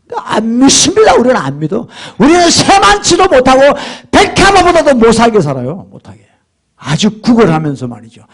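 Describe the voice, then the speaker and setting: A middle-aged man preaching a sermon as pastor, swinging from hushed murmurs to loud, emphatic exhortation. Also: very high-pitched, wildly swooping pitch, fairly quick.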